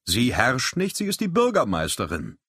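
A man's voice: medium pitch, wildly swooping pitch, normal speed, fairly bright tone, husky, dry recording, clean studio sound, voice pushed up, heavily acted. A man voicing a good-humoured, bossy male quartermaster on a ship. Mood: explaining.

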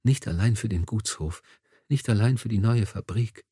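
A man's voice: fairly low pitch, normal speed, dark tone, slightly rough, no room sound, clean studio sound. A man voicing a weak, feverish noblewoman who pleads in a breathless whisper, in an audiobook. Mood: urgent whisper. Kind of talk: audiobook dialogue.

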